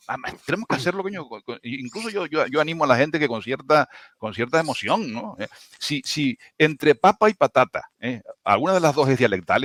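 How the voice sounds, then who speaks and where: A man's voice: a little high, fairly bright tone, dry recording. A man from the Canary Islands, a linguistics professor speaking with a Canarian Spanish accent, arguing emphatically on a video-call panel, with frequent restarts and tag questions. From Canary Islands, Tenerife.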